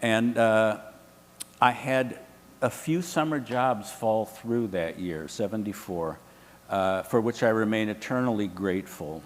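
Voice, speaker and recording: In a large hotel event room, a man with a lowish voice speaks a little slowly as a panelist at a live event. He tells an anecdote with animation, acting out the people he quotes in lively voices.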